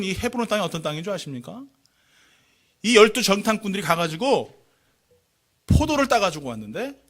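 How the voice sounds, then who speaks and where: A male pastor preaching a lively, joking sermon in church, often calling out questions to the congregation. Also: high-pitched. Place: church sanctuary.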